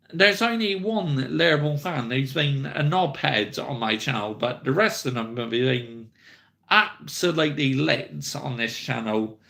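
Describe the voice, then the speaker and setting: A man in his thirties hosting a football live stream, chatting casually with viewers in an upbeat way and giving repeated shout-outs. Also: a little high, gravelly. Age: 30s.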